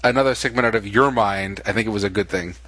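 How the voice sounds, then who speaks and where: A man co-hosting a casual late-night podcast chat, teasing his partner with deadpan jokes. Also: fairly low pitch, fast talker, no room sound. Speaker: podcast co-host.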